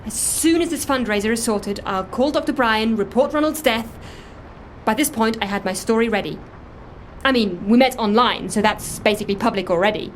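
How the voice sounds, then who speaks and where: An actress voices an earnest woman weighed down by guilt over secretly living a dead man's life, laying out her confession and excuses in a matter-of-fact, confiding tone. Her voice sounds natural, fairly high, and moves at normal speed in this naturalistic audio drama dialogue. Some slight background noise can be heard.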